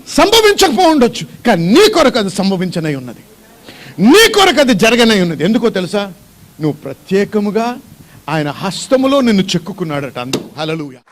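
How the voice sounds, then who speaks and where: A man's voice: very high-pitched, big pitch swings, moderate pace, fairly bright tone. A male pastor preaching a sermon in a church, asking repeated questions and calling on the congregation to respond.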